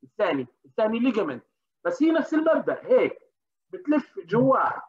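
A man delivers an interactive medical lecture in a high, quick voice. He throws questions to his students and stumbles through hesitations as he searches for terms. The recording is dull and lo-fi. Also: very animated. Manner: questions the class, frequent hesitations.

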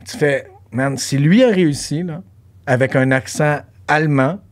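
A man with a Québécois French accent hosting a casual interview, animated, restarting phrases and acting out quotes. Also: on the high side, measured pace. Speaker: podcast host.

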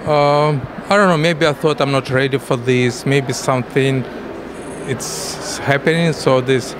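A middle-aged man from Ukraine with a Russian accent, giving halting interview answers in broken English as a painter. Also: mid-range voice, fairly even intonation. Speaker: exhibiting painter being interviewed. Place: indoor art exhibition booth. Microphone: interviewer's handheld microphone. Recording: noisy exhibition hall ambience.

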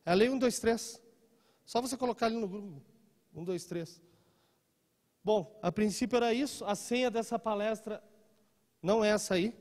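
Man, thirties, seminar speaker, handheld mic, conversational, high-ish voice, long room reverb. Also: moderate pace, long pauses, darkish tone. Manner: conversational, frequent "tá?" and "né?" check-ins. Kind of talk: live seminar talk on public tenders. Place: large hotel conference room. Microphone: handheld microphone.

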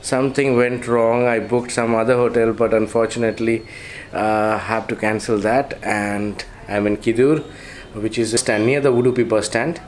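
With a mid-range voice that barely moves in pitch and a moderate pace, a man in his thirties speaks Indian-accented English straight into a handheld phone camera. It's a chatty, casual travel vlog shot by roadsides, in a car and in hotel rooms, with outdoor traffic noise, and he grows tired toward the end.

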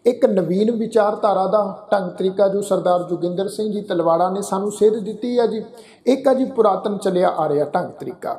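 Mellow-voiced man teaching scripture recitation. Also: high voice. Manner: patient, spells out each letter and vowel sign; recites verse lines slowly and drawn out. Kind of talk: pronunciation lesson with slow chanted recitation.

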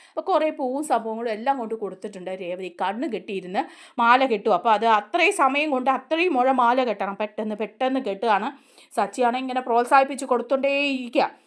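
A woman giving a casual spoken recap of a TV serial episode, telling it like a chatty storyteller. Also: fairly high pitch. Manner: chatty storyteller, often adds tag words and restarts. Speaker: TV serial reviewer.

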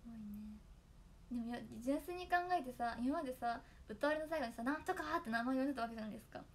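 There's a little hiss or hum behind this young woman's high, racing voice. An idol trainee on a solo stream, she chats casually with her fans, tries tongue twisters and giggles a lot.

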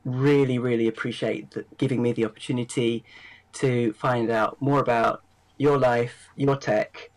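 A man's voice: mid-range voice, steady tone, unhurried, rough recording. A man doing an interview, speaking in a rambling way with many fillers and generous thanks. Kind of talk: casual interview.

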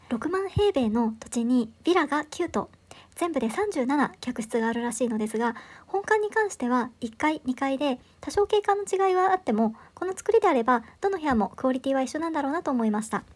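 A woman in her thirties giving an upbeat, enthusiastic scripted voice-over for a travel vlog, recorded indoors. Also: high-pitched. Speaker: travel vlogger.

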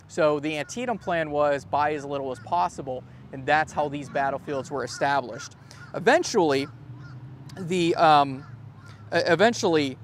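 A man in his thirties leads a lively history tour in an open churchyard, his voice sitting a little high. He is close on a lapel mic, with faint outdoor noise and passing traffic behind him. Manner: lively storyteller, gestures widely, reads notes from a phone. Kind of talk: live outdoor history talk. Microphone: clip-on lapel mic.

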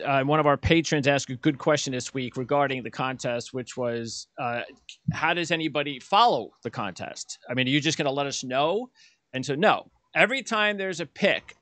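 A man's voice: fairly high pitch, bright, forceful tone, no echo. A middle-aged man hosting a casual sports talk show over a video call, chatty and rambling with frequent restarts. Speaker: podcast host. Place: home room, indoors.

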